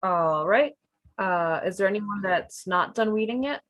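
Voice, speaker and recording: A woman's voice: mid-range voice, a little slow, dry recording. A woman teaching an online test-prep class, explaining tasks in a chatty mix of English and Spanish over a video call. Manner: relaxed, chatty, switches between English and Spanish.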